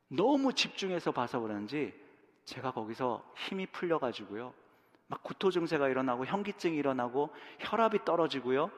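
A pastor preaching a sermon, telling a personal story that swings from hushed to loud. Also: male voice, fairly high pitch, in a large hall. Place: church sanctuary.

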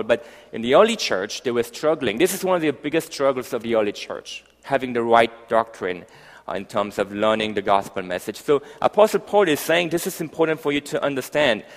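A man preaching a sermon, speaking haltingly with many fillers and restarts. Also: medium pitch. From grew up partly in Africa. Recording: long hall reverb.

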